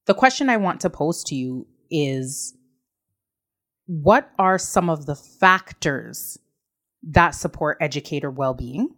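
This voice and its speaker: Low-voiced woman interviewer. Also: animated, slow pace, fairly bright tone. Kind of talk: interview question.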